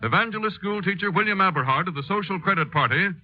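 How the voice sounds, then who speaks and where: The voice is a man's, pitched high and animated. He takes on the role of a solemn, declamatory newsreel narrator for a 1930s-style radio news dramatization, drawing out his stresses with a portentous, grave and dramatic weight. Expect muffled, vintage 1930s radio sound with music behind him.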